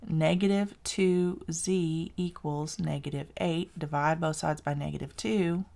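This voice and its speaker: A woman's voice: low-pitched, vocal fry, a little mellow. A woman with a Southern US accent teaching a casual recorded algebra lesson, chatty and encouraging, correcting herself as she works. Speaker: math teacher.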